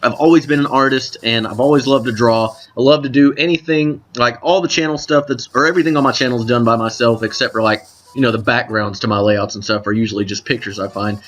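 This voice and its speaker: Commenting casually on a drawing game he's playing, this host rambles and self-corrects in asides to viewers, with an occasional voice crack. His medium-pitched voice is steady and a bit bright, and he speaks quickly with few pauses.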